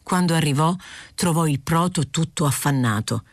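A woman narrating a literary novel aloud in a steady, clear, unhurried audiobook reading. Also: low-pitched, no echo, clean studio sound. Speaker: audiobook reader.

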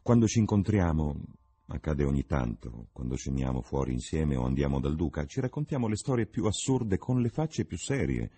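A man's voice: rumbling low, big pitch swings, moderate pace, mellow, breathy edge, exaggerated voice. A man voicing a witty, cynical young lord with an ironic, drawling manner.

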